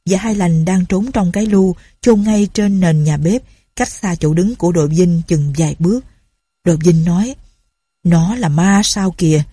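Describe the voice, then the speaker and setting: A woman narrating a story in a calm, even reading voice. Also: on the low side, normal speed, husky, dry recording, clean studio sound.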